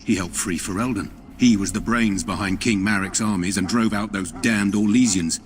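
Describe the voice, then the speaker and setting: An actor playing a chatty, gossiping soldier guarding a tent in a video game. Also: male voice, on the low side, steady tone, moderate pace, natural voice. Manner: conspiratorial, chatty. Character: gossipy adult male camp guard, loyal soldier.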